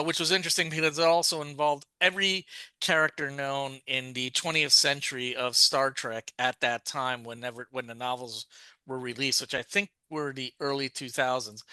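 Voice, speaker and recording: A podcast co-host chats casually, rambling through his thoughts with lots of restarts and asides. His voice is a little high with a sharp tone, smooth and free of room sound.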